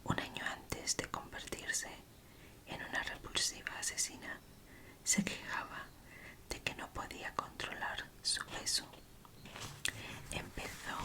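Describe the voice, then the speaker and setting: A woman hosting ASMR reads aloud from true crime material, her Spanish accent marking her as from Spain. Everything comes out as a soft, breathy whisper without voice, paced slowly in brief phrases.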